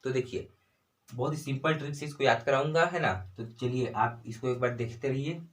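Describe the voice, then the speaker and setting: An exam tutor with a Chhattisgarhi Hindi accent teaches a test-prep lesson in a mid-range, slightly bright voice at normal speed. He poses questions to himself and answers them, sprinkling in "ठीक है" and "है ना" again and again.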